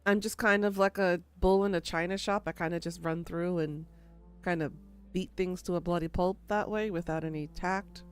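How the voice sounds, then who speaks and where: A woman's voice: fairly low pitch, steady tone, normal speed, clean tone, soft background music. A woman streaming a game, chatting casually and self-deprecatingly with her viewers. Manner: laid-back, self-deprecating, talking with chat. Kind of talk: casual gameplay chat.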